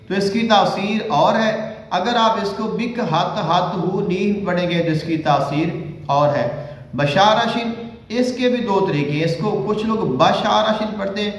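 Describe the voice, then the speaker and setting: A man from Pakistan with a Punjabi accent, a cleric giving religious instruction who recites long sacred names slowly and deliberately. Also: high-pitched. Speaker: Islamic spiritual healer and cleric. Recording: very echoey room.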